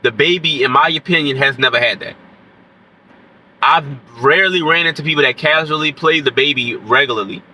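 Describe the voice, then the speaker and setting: Sick, with a stuffy nose and scratchy throat, an independent rapper rambles casually to camera about hip-hop, his voice nasal and congested. It sits on the high side, a bit fast, pushed and bright, and he keeps saying "you know what I'm saying." The recording is rough, with slight background noise.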